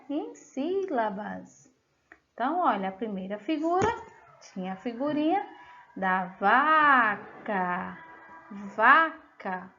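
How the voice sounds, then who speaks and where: A Brazilian woman teacher with a Brazilian accent, slowly walking young children through a lesson in a sing-song way. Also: sits high, fairly bright tone, muffled recording. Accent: Brazilian Portuguese. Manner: slow, sing-song teacher talk, drawing out words. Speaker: first-grade teacher.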